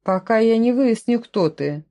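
A woman's voice: fairly high pitch, lively intonation, unhurried, dark tone. A woman reading the lines of a stern, distrustful man who speaks in short commanding phrases in a storybook reading. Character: stern suspicious grown man, curt castle lord.

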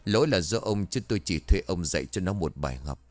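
A scheming woman giving quiet, hurried orders on the phone, as a male reader voices her. The voice stays in his own low register, close and dry. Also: animated, no echo. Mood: hushed urgent. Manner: hushed, hurried instructions.

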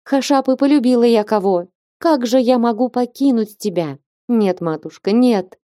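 A woman's voice: on the high side, normal speed, dark tone, dry recording, clean studio sound, pitched above the performer's own voice, natural voice. A woman reading an audiobook and voicing a despairing young woman who pleads in a raised, plaintive voice. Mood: pleading.

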